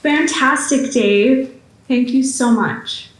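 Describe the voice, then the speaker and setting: Slow-talking woman on a roomy stage. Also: high-pitched. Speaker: stage performer. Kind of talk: community stage opera acting. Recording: roomy theater sound.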